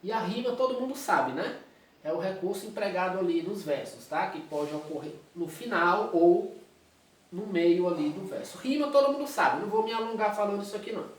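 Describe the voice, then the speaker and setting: A man's voice: high voice, expressive, a little fast. A male teacher with a Brazilian Portuguese accent, explaining a lesson and checking in with his students at every step. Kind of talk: recorded classroom lecture. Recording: very echoey room, distant mic, faint hiss.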